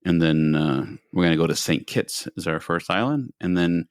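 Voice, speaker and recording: A man's voice: deep voice, normal speed, no echo, clean studio sound. A man co-hosting a podcast, chatting casually in a rambling way and repeating words as he thinks. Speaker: podcast co-host. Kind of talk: casual chat.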